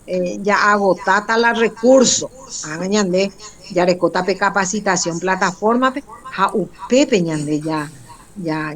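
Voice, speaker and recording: A woman with a Paraguayan accent, teaching a language class and explaining exercises in an unhurried, methodical way. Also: mid-range voice. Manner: slow, switching between two languages.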